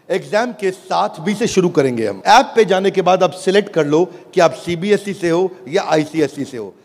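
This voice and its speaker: A man giving an energetic motivational business speech to a live audience, rallying the crowd. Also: sits high. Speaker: business speaker pitching an app. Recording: echoey hall with crowd noise.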